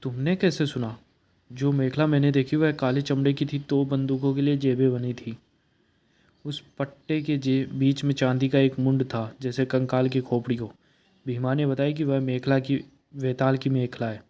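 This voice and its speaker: A man reading a comic book aloud, covering the narration and every character himself. His delivery stays flat and even, with a dark, mellow tone, and he barely changes his voice from one character to the next. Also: mid-range voice, moderate pace.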